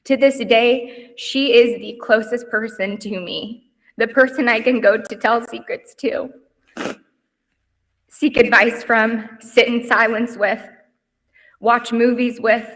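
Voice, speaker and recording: A woman's voice: a little high, fairly even intonation, takes it slowly. A young woman reading a heartfelt eulogy at a memorial service, earnest and tender. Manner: earnest and heartfelt, softening on lists. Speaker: eulogy speaker. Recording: livestream in a reverberant hall.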